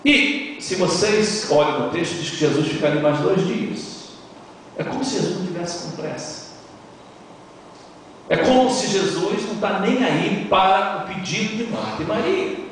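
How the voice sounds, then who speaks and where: Pastor preaching in a booming hall. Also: male voice, moderate pace, slight background noise. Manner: storytelling, dramatic, retelling a scripture. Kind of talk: sermon. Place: church sanctuary. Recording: echoey church hall, distant mic.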